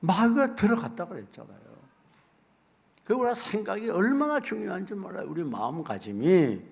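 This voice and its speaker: A middle-aged man preaching a sermon as pastor, folksy and animated, acting out little asides. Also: sits high, normal speed, vocal fry, slightly rough.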